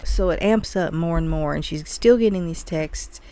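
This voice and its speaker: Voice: mid-range voice, moderate pace, dark tone. A movie reviewer giving a casual, chatty spoiler recap of a film, full of "like" and "you know".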